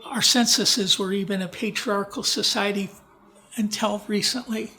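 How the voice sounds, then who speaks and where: A man with a high-pitched, bright and forceful voice and fairly even intonation talks informally about genealogy at a library event, using slides. His halting delivery features frequent restarts, asides, and questions aimed at the audience.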